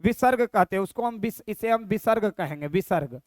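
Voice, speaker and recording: A male Sanskrit teacher talks through a screen-recorded lesson. He says each form twice and keeps asking the viewer what it reads as. His voice is smooth and clear, recorded dry and close. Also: sits high, animated, normal speed, darkish tone, no room sound.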